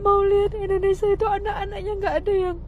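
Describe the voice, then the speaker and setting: A woman's voice: extremely high pitch, flat delivery, fast talker, narrow, tinny audio, slight background noise. A tearful young woman in a casual vlog, speaking emotionally.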